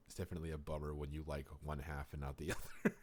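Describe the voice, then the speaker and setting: A man's voice: a bass voice, quick pace. A man co-hosting a podcast, chatting casually and rambling through stories with lots of fillers. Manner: rambling, animated storytelling with many fillers. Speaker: podcast co-host. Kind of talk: casual chat.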